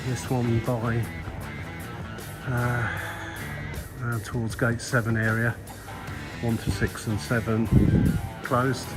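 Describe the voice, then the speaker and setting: A man's voice: medium pitch, level tone, slow, long pauses, over loud music. A man giving casual, rambling travel vlog commentary in a chatty, hesitant way. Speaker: travel vlogger.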